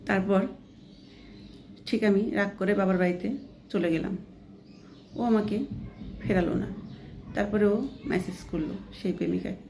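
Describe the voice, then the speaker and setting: A woman's voice: lowish voice, mellow, slight background noise. A woman vlogger telling a first-person story in a casual, chatty way, quoting others as she goes and often adding a checking question. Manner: plainly quotes others within the story.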